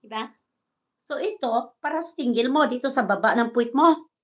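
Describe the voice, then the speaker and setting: A woman's voice: fairly high pitch, moderate pace, highs cut off. A woman from the Philippines vlogging in a confrontational rant, taunting and swearing, switching between languages. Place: living in the United States.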